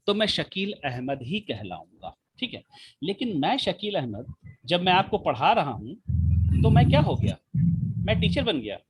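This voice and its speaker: Male physics teacher, husky voice, very lively sing-song delivery, repeats himself, keeps asking "right?", mic close to mouth. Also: sits high. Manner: repetitive, checks in constantly with rhetorical questions. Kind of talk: live online class lecture. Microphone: mic held right at the mouth.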